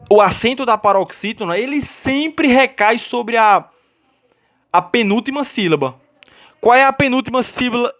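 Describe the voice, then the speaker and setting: A man's voice: sits high, fairly bright tone. A Brazilian man teaching a grammar lesson, explaining step by step and often checking in with his students. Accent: Brazilian Portuguese.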